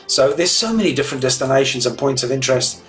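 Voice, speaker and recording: A man's voice: mid-range voice, animated, quick pace, a bit bright, soft background music. A man chatting casually and informally as he streams a flight simulator to viewers. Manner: matey, informal. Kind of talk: casual livestream chat.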